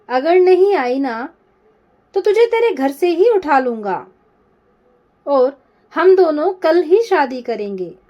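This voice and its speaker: A woman's voice: sits high, muffled recording, heavily acted. A woman voicing a cocky, threatening male gangster who mocks and bullies. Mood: mocking. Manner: mocking, bullying threats.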